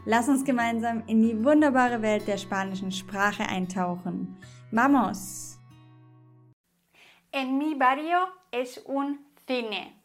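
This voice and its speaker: A woman from Germany teaching a grammar lesson as a Spanish teacher, explaining slowly and deliberately and spelling out each example. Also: fairly high pitch, faint music behind.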